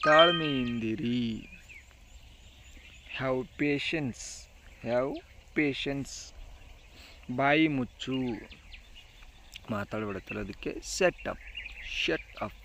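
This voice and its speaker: A man teaching English phrases in a slow, deliberate drill, saying each phrase twice. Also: mid-range voice, fairly bright tone, a little hiss or hum. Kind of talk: slow, repeated vocabulary drill.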